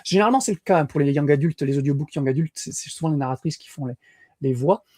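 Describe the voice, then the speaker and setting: A man's voice: on the high side, fast, darkish tone, no room sound, clean studio sound. A man co-hosting a podcast in casual chat, hesitant with many fillers and restarts. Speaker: podcast co-host.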